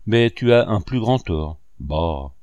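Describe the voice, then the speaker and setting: A man's voice: low-pitched, lively intonation, slow, darkish tone, no room sound. A man voicing a frightened, guilty rich man who pleads and defends himself. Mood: defensive.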